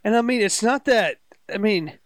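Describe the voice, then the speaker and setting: A man's voice: sits high, expressive, moderate pace, no echo. A young man co-hosting a casual sports chat, joking and rambling through stories in a laid-back way. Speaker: podcast co-host.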